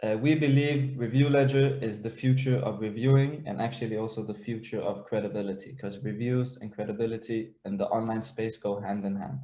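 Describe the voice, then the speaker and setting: A man's voice: on the low side, fairly even intonation, a little fast, hardly any pauses, warm tone, reverberant. A young man from Denmark and Israel, a startup founder presenting on a video call, talking hesitantly with many fillers and restarts.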